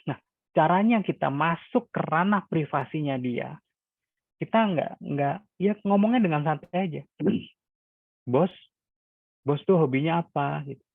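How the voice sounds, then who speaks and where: A man teaching a hypnosis class in a calm, explanatory way, acting out sample questions with sharp rises in pitch. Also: creaky, husky, no room sound. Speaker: hypnosis instructor. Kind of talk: class lecture with spoken examples. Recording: dry phone-like lo-fi recording.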